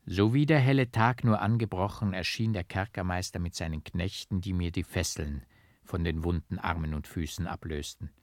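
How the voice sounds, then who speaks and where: A man reading a literary novel aloud in a measured, emphatic, rhythmic narration. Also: low voice, no room sound, clean studio sound. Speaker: audiobook reader.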